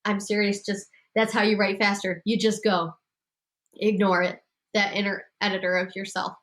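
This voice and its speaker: A woman's voice: mid-range voice, level tone, normal speed, a bit bright. A woman host with a congested voice giving casual, emphatic writing advice to a group and laughing often. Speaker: podcast host and writing coach.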